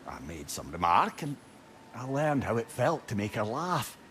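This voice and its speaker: In this video game dialogue, a male actor voices a witty, wistful old advisor with a Scottish accent who tells stories lyrically and wryly. His mid-range voice is sing-song and a bit bright, moving at normal speed in a conversational manner. Ambient noise sits behind him.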